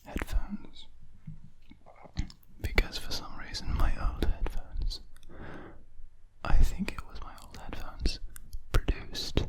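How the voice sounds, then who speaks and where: A person whispering breathily in ASMR style, very close to the microphone with audible mouth sounds, rambling in an unhurried way. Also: low-quality recording. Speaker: ASMR video creator. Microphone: very close to a studio USB microphone.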